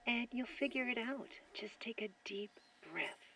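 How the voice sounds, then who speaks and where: A woman playing a gentle, soothing comforter. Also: mid-range voice, fairly quick, recorded from a distance, lightly acted. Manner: soft, soothing, partly whispered. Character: gentle caring woman consoling a grieving man. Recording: game audio with clear noise.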